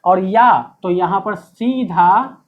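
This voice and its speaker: A man's voice: high voice, drawn-out words, narrow, tinny audio. A man teaching English grammar in a classroom-style lesson, explaining step by step and checking with rhetorical questions. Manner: explains step by step, asks rhetorical questions, stresses key words.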